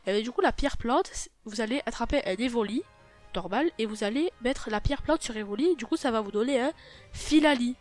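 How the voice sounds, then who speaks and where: A woman's voice: fairly high pitch, lively intonation, fairly quick, soft background music. A woman with a cold and a blocked, nasal voice gives a casual, hesitant game tutorial, often correcting herself. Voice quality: nasal, stuffy blocked-nose voice. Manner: hesitant, self-correcting, apologetic. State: sick with a blocked nose. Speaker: YouTube gaming video host.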